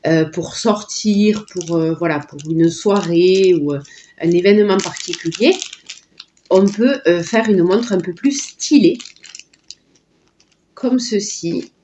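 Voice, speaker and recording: A woman's voice: on the low side, slow pace, warm tone, slight background noise. A woman chatting casually and delightedly through a sponsored unboxing, full of little filler words. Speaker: vlogger unboxing a product.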